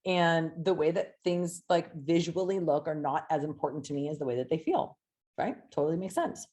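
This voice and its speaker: A woman's voice: deep voice, fairly even intonation, moderate pace, a little mellow. A woman instructor teaching casually in an online class, chatty and informal, often checking in with her listeners. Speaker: hypnosis instructor.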